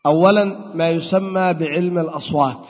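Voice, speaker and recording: A man's voice: a little high, fairly even intonation, brisk. A man teaching Arabic grammar in a classroom lecture, explaining step by step and asking and answering his own questions. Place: lecture hall. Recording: dull, long-echo hall recording.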